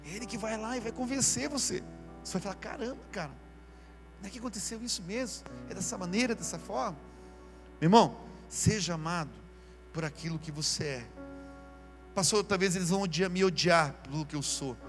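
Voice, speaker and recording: Man, Brazilian accent, pastor, sermon, fairly high voice, casual slangy preaching, soft to shouted. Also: a little fast, faint music behind. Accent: Brazilian Portuguese. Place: church service, live broadcast.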